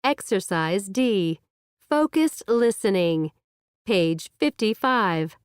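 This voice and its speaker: A woman announcing exercises and page numbers for a textbook audio track in a crisp, formal way. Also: mid-range voice, lively intonation, slow, no echo, clean studio sound.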